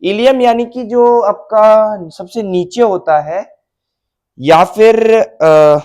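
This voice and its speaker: उत्साही ऊँची आवाज़ वाला शिक्षक. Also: male voice, sits high, extremely slow, darkish tone. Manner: Hindi-English mixed teaching, repeats key terms and checks understanding. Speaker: biology teacher. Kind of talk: classroom lecture at a board.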